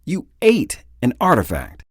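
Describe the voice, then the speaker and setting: A man's voice: fairly high pitch, wildly swooping pitch, unhurried, breathy edge, dry recording, studio quality, voice pushed up, heavily acted. A man playing a stiff, curt field agent.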